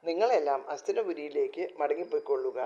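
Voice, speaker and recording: A man voicing a humiliated, despairing king in a storybook telling, read quietly on a dull lo-fi recording. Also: a little high, animated, fast talker, natural voice.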